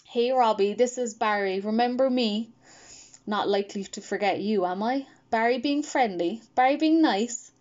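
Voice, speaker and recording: A woman's voice: fairly high pitch, normal speed, darkish tone, highs cut off, lightly acted. A woman reading a former bully schoolboy trying awkwardly to be friendly.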